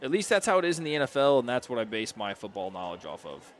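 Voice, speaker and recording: A man giving relaxed, chatty color commentary on a school football game. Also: medium pitch, fast, a little hiss or hum. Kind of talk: live sports commentary.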